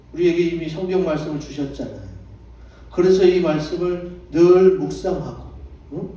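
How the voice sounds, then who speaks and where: A man's voice: on the high side, warm tone, lo-fi sound. A male pastor preaching a sermon, who keeps asking the congregation questions and answering them himself. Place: church sanctuary. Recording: echoey church hall, distant mic.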